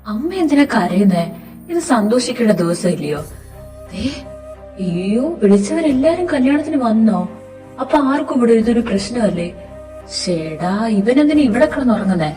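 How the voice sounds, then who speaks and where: A woman's voice: measured pace, long pauses, dark tone, recorded from a distance, faint music behind, lightly acted. A woman voicing a grieving, vengeful young man. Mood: distraught. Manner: bitter, low-spoken, vengeful.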